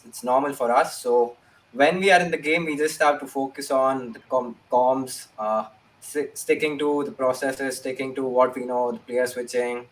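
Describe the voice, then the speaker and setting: A young man, answering interview questions about his matches in an earnest way and repeating his key phrases. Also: mid-range voice. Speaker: esports player. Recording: voice distant from the mic.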